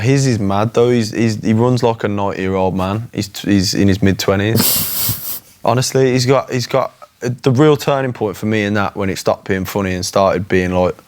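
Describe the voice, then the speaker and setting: Hesitant low-voiced Brummie man. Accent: Birmingham. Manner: hesitant, restarts, slangy. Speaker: band member, guest. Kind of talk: casual chat.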